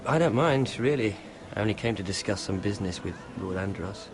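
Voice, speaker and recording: Man playing a low-voiced, shy, clumsy nobleman. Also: animated, brisk, background noise, lightly acted. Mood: shy, polite. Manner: hesitant, apologetic, polite. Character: clumsy, shy, self-effacing young nobleman. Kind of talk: video game voice acting. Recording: music behind the voice.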